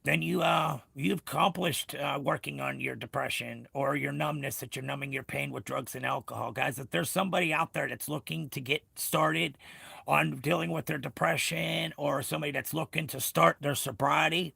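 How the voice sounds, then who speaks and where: Very gravelly man giving livestream pep talk. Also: on the high side, steady tone, moderate pace, sharp tone, no room sound. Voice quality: gravelly, creaky. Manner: earnest, encouraging, rambling pep talk. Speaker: live stream host. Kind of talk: casual motivational livestream chat. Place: cold unheated room.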